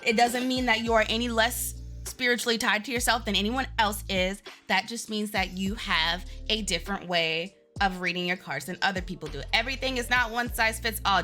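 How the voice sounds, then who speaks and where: A woman's voice: mid-range voice, sharp tone. A woman co-hosting a casual chat show, talking in slangy, theatrical style with exaggerated emphasis. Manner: theatrical, exaggerated hype with drawn-out words. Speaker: podcast co-host.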